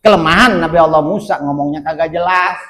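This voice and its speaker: High-voiced jokey preacher. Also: male voice, brisk, pushed and bright, poor audio. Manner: jokey, laughs at his own stories, often addresses listeners as "Pak". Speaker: Islamic preacher. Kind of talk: casual storytelling sermon.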